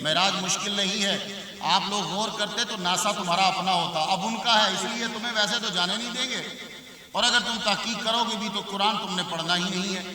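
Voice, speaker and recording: A man, a religious scholar, preaching an emphatic sermon to a live audience, asking questions and answering them himself, with loud, forceful bursts. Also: high voice, steady tone. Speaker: religious scholar giving a speech. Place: large hall at a community event. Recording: echoey hall, voice from far off.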